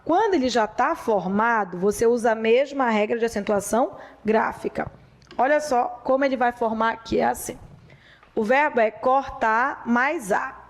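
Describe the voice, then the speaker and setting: A woman teaching a grammar lesson, repeating rules slowly and drilling them aloud. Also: on the high side. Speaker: Portuguese teacher.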